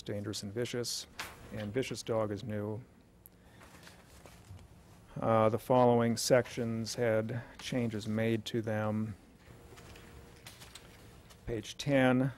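A middle-aged man at a podium mic in a council chamber reads off ordinance changes in a flat, low, measured voice. He pauses on filler sounds and keeps an even, businesslike pace. A faint hiss of room noise sits behind him. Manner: measured, matter-of-fact, with frequent uh fillers. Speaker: city official presenting an ordinance. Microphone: podium microphone.

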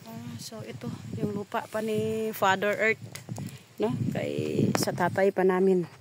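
A woman's voice: medium pitch, animated, slow pace. A woman vlogger chatting casually with her viewers as she walks around a dry farm. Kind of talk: casual vlog commentary. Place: outdoors on a dry rural farm. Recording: loud outdoor background noise.

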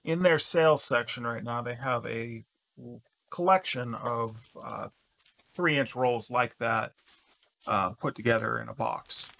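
A man's voice: mid-range voice, slow, vocal fry. A man co-hosting a crafting channel, chatting casually while unboxing and naming colors as he sorts scraps in a craft room, picked up by a camera across the room. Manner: relaxed, names colors as he sorts.

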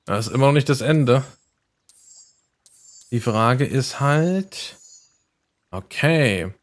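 A man streaming a game and commenting casually, thinking aloud in a relaxed way. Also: medium pitch, slow pace.

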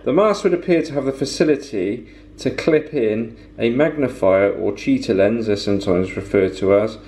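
A man's voice: mid-range voice, moderate pace, darkish tone, husky. A man, giving a casual, practical tool review from his home workshop. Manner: plain-spoken, practical, advice-giving. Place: home workshop with tools on the wall.

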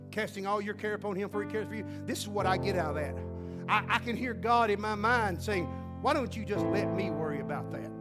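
Casting: high-voiced male pastor, fervent sermon, guitar playing loudly underneath. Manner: fervent, punctuates with "glory to God". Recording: loud guitar music behind.

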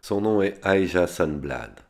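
A man with a very deep voice voicing a cold, composed male spy questioning a prisoner in measured tones. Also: animated, a little mellow, heavily acted.

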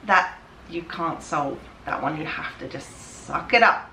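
Her voice is low, bright and forceful, animated but a little slow, as this thirtysomething Englishwoman talks affectionately with her children. She's a family vlogger filming in the rooms and garden of her home, and the handheld camera mic records noisy sound.

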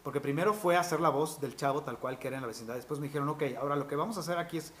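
A man, a voice actor telling stories from his career in an interview, animated and peppered with fillers. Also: fairly high pitch, a little hiss or hum. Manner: animated, quick anecdotal storytelling with fillers like "este". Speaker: voice actor guest. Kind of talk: interview storytelling.

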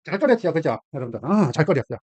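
A man's voice: a little high, sing-song, very fast, a little mellow, slightly rough, no room sound. A middle-aged man with a Gyeongsang Korean accent, hosting a casual cooking vlog, chatty and exclaiming, laughing often as he talks to viewers. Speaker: cooking channel host. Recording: dull lo-fi dry sound.

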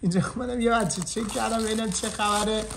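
A man's voice: high voice, steady tone, vocal fry, a bit bright, slight background noise. A man hosting a casual cooking vlog from a kitchen, joking and talking straight to his viewers through a clip-on mic. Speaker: chef. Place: indoor kitchen.

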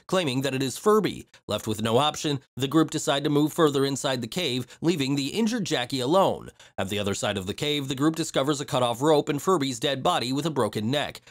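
A man narrating a movie recap in a steady, even scripted read. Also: medium pitch.

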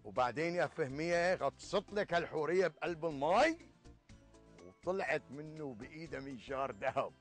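A man's voice: a little high, animated, fairly quick, soft background music, lightly acted. An actor in his sixties playing an older Syrian village man, telling an Arabic folk tale with a moral in colloquial storyteller phrasing. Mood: storytelling. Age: 60s. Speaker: actor in a TV sketch. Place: outdoors in a leafy garden.

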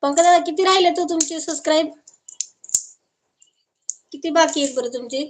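Woman, from Maharashtra, live streamer, casual chat, high voice, reads comments aloud, affectionate replies. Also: moderate pace, a little hiss or hum.

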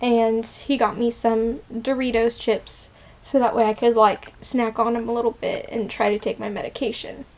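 Fairly high in pitch but darkish in tone, her voice barely moves melodically and keeps a normal speed. She's an unwell, shaky woman in her twenties chatting loosely in a personal vlog, full of fillers and restarts, captured close up by a camera's built-in mic in a small bedroom.

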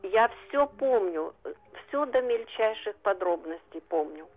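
A woman's voice: mid-range voice, animated, a little slow, faint music behind. Elderly woman calling in by phone. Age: 70s. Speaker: radio caller. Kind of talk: phone-in recollection. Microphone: telephone. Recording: phone line.

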